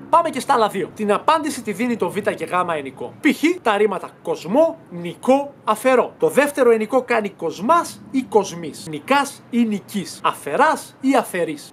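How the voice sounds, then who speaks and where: A woman explains a lesson in a brisk, scripted way, speaking directly to the listener. Her pitch moves a lot as she stresses her points. There is a faint hiss behind her. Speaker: teacher.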